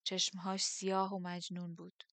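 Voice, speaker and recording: A woman narrating a first-person novel as an audiobook, measured and steady. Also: lowish voice, no room sound.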